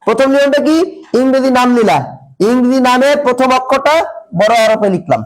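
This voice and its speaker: A man's voice: very high voice, brisk, poor audio. A male teacher giving a chemistry lesson in casual Bengali. He asks his students questions, answers them himself and repeats the key points. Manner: colloquial, dialect-tinged Bengali.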